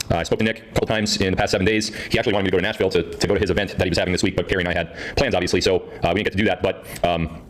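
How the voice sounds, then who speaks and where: A man talks to his live audience through a voice changer that pitches his voice deep and unnatural. He rattles along at a very fast clip and keeps circling back over the same points. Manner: rambling, repeats himself. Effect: deep pitch-shifting voice changer. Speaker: live streamer. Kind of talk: casual monologue to viewers.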